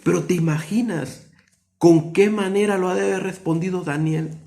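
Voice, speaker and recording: A man from Guatemala, preaching an earnest sermon full of rhetorical questions, his pace swinging from quick to drawn-out. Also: high-pitched, creaky, mellow.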